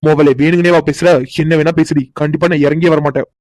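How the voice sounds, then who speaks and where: A man voicing a hurt, angry young man in a cartoon, scolding fast and bitterly. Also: high-pitched, little pitch movement, natural voice. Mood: resentful. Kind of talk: cartoon voice acting.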